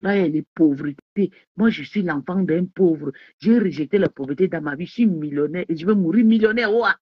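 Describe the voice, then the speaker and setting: A woman's voice: fairly low pitch, a little fast, breathy edge, dry recording, dull audio. A woman on a casual live stream from her bedroom, sipping wine as she boasts, taunts rivals and keeps asking her viewers if they understood. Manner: rambling with repeated questions to viewers. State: drinking wine while talking.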